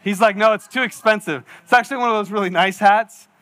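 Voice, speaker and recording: A pastor in his forties addresses his congregation in a church hall with a high, bright voice at a quick pace. He's chatty and self-mocking, telling stories full of acted-out asides.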